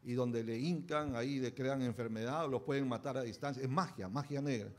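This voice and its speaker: A man's voice: medium pitch, fairly quick. A pastor preaching a conversational sermon, often checking in with his listeners with short tag questions.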